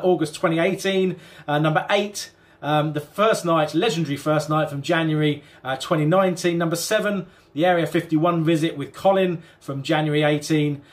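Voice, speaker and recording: Chatty British man narrating a countdown. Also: on the high side. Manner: chatty and relaxed, many ums and uhs. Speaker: vlogger.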